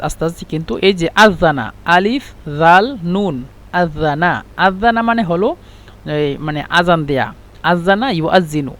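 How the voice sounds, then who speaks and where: A man teaching an Arabic lesson, explaining slowly and repeating words and letters one at a time. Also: high-pitched, fairly bright tone. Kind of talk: spoken language lesson.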